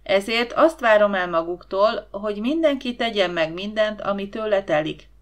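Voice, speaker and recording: Female reader voicing a loud, domineering male director in an audiobook. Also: expressive, natural voice. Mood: commanding. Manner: booming, commanding.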